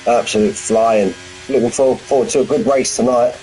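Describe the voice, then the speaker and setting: A man's voice: mid-range voice, steady tone, moderate pace, mellow, poor audio. Man commentating on racing, music behind. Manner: matey, addresses drivers as mate, lad and bud. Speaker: sim racing league commentator. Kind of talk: live esports racing commentary, informal and chatty.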